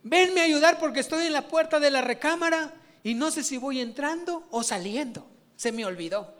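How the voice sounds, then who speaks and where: Man putting on a forgetful granny voice, high-pitched, fretful and frail, joke-telling style. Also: expressive, moderate pace, fairly bright tone, long reverb tail. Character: forgetful elderly woman, frail and flustered.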